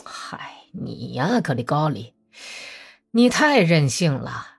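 A woman voicing a smooth-talking male Cossack commander who coaxes and persuades. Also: on the low side, very animated, normal speed. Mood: coaxing. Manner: cajoling, persuasive.

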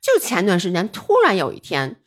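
A woman co-hosting a podcast, chatting casually and telling lively stories about arguments at home. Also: mid-range voice, normal speed. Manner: lively storytelling, re-enacting her own arguments. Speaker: podcast co-host. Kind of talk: casual chat.

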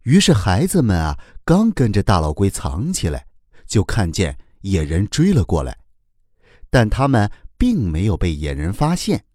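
A man narrating a children's story in a very animated, deliberate way. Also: on the low side, dry recording, studio quality.

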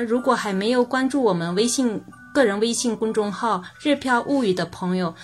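Patient woman teaching pronunciation. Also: mid-range voice. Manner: patient, repeats example words slowly for practice. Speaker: language teacher. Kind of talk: explaining Japanese pitch accent.

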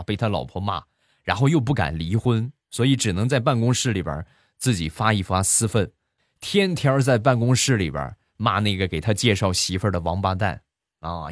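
A man voicing a cautious male office receptionist who confides gossip in a hushed, conspiratorial way. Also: lowish voice, no echo, clean studio sound.

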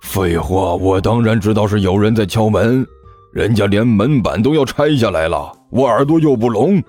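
A male narrator voicing a grumpy, gruff older master swindler who scolds his apprentice in an audiobook story. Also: deep voice, expressive, unhurried, a little mellow, soft background music, pitched below the performer's own voice. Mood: irritable.

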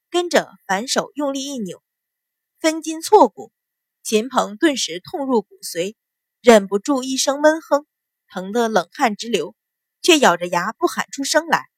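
A woman narrating a story aloud and voicing each character, louder for the shouting and softer for the taunts. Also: on the high side, dry recording. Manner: shifts louder and forceful for the captive's shouted lines, softer for the women's taunts. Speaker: audiobook narrator.

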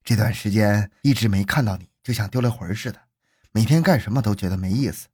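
A man voicing a smooth-talking con man in a spoken crime story, close to his own voice. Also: lowish voice, fast talker, darkish tone, no room sound. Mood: sweet-talking. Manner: honeyed, then harsh.

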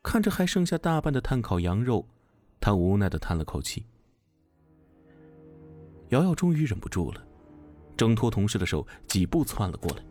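A male storyteller reads a horror tale in an expressive, suspenseful way. His pitch moves around freely, and faint music plays underneath. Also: moderate pace, pauses often. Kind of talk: scripted horror story narration.

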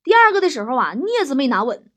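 A woman telling comic stories in a lively, chatty way, her voice sitting high and swinging widely. She laughs between the jokes, and faint noise runs under the recording. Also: fast talker. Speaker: joke teller. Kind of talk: comic storytelling.

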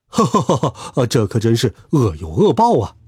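A man voicing the boy's easygoing, joking father, speaking low and slow in a husky voice. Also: sing-song, darkish tone, no echo, clean studio sound. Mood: amused. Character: calm, jokey father of the boy hero.

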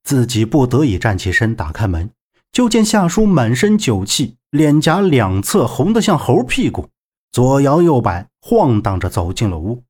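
A man narrating a novel as an audiobook in an expressive storytelling manner. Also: medium pitch, moderate pace, husky.

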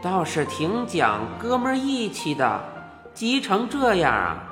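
A storyteller voicing a rough, teasing snake-bodied giant in slow, gruff banter. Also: mid-range voice, wildly swooping pitch, echoey room, long reverb tail, music in the background. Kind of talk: audiobook character voice.

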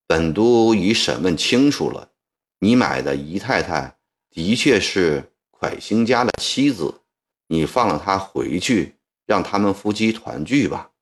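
A grave older Qing official, voiced by a male storyteller, speaking low and slow with a lively rise and fall. He questions patiently and softly, never rushing. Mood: grave, coaxing. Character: stern elderly male Qing viceroy, judge.

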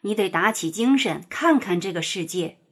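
A woman voicing a proud, earnest old male rooster in a children's storybook, speaking in a steady, lecturing way. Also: mid-range voice, normal speed, close to an everyday voice. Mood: teasing.

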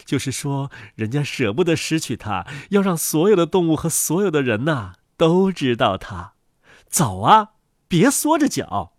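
A bustling, proud mother duck fusses over her brood in a high, lively voice, as a man puts her on. She sounds bossy and doting at once, with a dry, close storybook sound. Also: measured pace, no echo. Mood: lecturing.

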